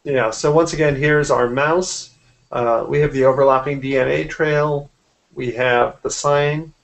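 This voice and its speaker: Here a man in his forties explains his graphic art in an easygoing way, interviewed over video from a room in his house. His medium-pitched voice is steady, a little slow, and has vocal fry, captured through a computer mic on the call.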